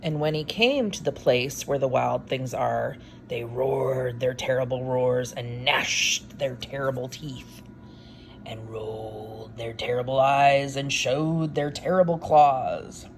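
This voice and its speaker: Slow talking lady doing storytime, kinda low voice, wry little asides, faint noise behind her. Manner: expressive, unhurried reading with wry offhand commentary. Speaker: storyteller reading a picture book aloud. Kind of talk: read-aloud storytime with casual asides.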